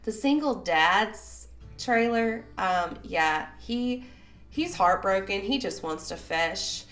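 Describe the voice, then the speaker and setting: A young Southern woman with a Southern American accent, sick and raspy-voiced, chatting loosely over a game build with lots of fillers. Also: mid-range voice, expressive, slow, a bit bright, soft background music. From Southern United States. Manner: rambling, chatty, many fillers. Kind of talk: casual voice-over commentary.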